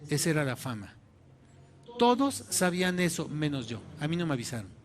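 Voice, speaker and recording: A man with a Mexican accent, a pastor preaching a sermon and telling a personal story in an animated way, acting out the voices in it. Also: a little high, brisk. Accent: Mexican Spanish.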